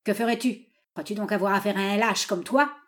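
A woman's voice: brisk, lightly acted. A woman reading a novel aloud, voicing an old father who pleads with his daughter and then rages at her suitor. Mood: furious. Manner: pleading then furious, raised and high. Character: doting, tyrannical old father, quick to rage.

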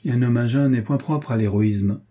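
A man's voice: mid-range voice, normal speed, warm tone, husky, lightly acted. A man voicing a grumbling, hungry squire who talks in a plaintive, sighing way.

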